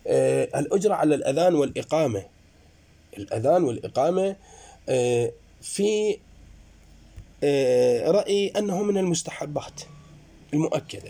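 A man's voice: warm tone, husky. A man giving a jurisprudence lecture, explaining points to his students and calling them brothers. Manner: explanatory, addresses students as brothers, rises and drops in pitch. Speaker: seminary teacher.

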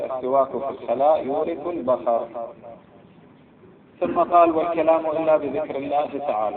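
A man teaching a religious text, reading it out line by line, spelling out letters and vowels and repeating words as he explains. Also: medium pitch. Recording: tinny phone-like line, echoey room.

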